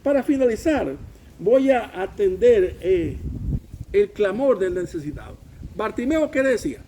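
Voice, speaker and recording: A man preaching a sermon in a church, with a high, gravelly voice. He preaches with emphasis and has the congregation repeat his words back to him. Faint noise sits behind the recording. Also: expressive, measured pace, dark tone. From Venezuela. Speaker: pastor.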